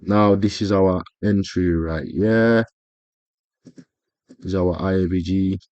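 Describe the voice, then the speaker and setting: Man, very low voice, casual screen tutorial, rambling fillers, dry dull recording. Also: fairly even intonation, slow pace, a little mellow, dry recording. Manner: rambling, frequent fillers and self-corrections. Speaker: trading educator.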